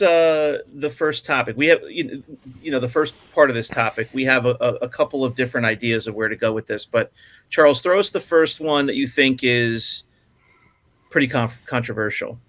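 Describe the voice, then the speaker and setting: A man's voice: mid-range voice, lively intonation, moderate pace, a bit bright. A man hosting a podcast over a video call, joking around and steering the talk. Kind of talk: casual chat.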